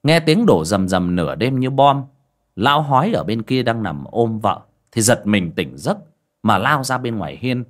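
A male narrator reads a folksy audio story. His husky voice moves up and down freely as he tells it with vivid sound words. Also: medium pitch, big pitch swings, normal speed.

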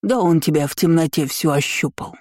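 A reader voicing a meddling old woman ghost in an audiobook, scolding in slow, drawn-out, shrill words. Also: dry recording, studio quality, close to an everyday voice. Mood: accusing. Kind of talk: audiobook role reading.

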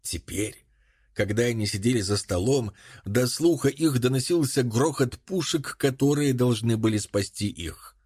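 A man narrating a story in an even, measured reading voice. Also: mid-range voice, husky, no echo, studio quality. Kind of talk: audiobook narration.

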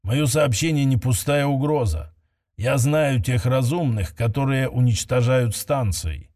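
A man voicing a cold, menacing male cyborg leader in a storybook, speaking level, quiet and slow. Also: mid-range voice, lightly acted.

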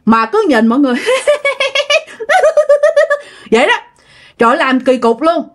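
A woman's voice: sits high, fast talker. A woman telling a ghost story in a chatty way, talking straight to her listeners. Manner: chatty, addresses listeners directly.

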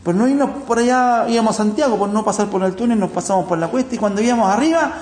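A man's voice: high voice, quick pace, a little mellow. A man preaching in Chilean Spanish, telling homely anecdotes and acting out the people in them with a chuckle. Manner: folksy, chuckling anecdotes with acted-out voices. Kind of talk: sermon with storytelling. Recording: echoey room, faint ambient noise.

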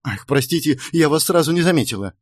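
A man voicing a small, furious, shrill middle-aged wife who scolds and shrieks at her husband. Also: animated, fast, dry recording, studio quality. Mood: scolding shrill.

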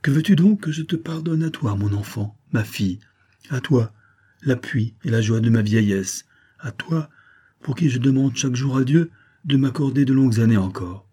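A man's voice: medium pitch, expressive, moderate pace, mellow, slightly rough, pitched above the performer's own voice. A man voicing an elderly aristocratic general, a father moved by his daughter, in an audiobook. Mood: astonished. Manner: exclaiming, tremulous.

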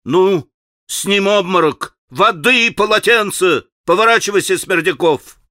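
A stern, impatient young man snapping angrily at his father. A man acts him out in an audiobook. The voice is bright and recorded dry and close. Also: high voice, a little slow, no echo, voice pushed up. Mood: furious. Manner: sharp, scolding.

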